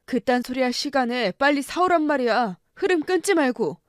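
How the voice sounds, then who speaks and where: A drunk, bullying middle-aged husband snaps and shouts with bitter scorn in a story radio drama, as a woman puts him on. The sound is dry and close. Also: on the high side, moderate pace, no echo, natural voice. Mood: drunken rage.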